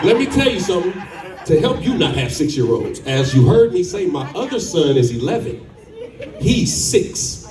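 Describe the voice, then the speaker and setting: A middle-aged man doing a loud, profane stand-up comedy set in a club with a live audience. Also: a little high, a little hiss or hum. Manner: loud, profane, animated storytelling. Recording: echoey club, distant mic, crowd laughter.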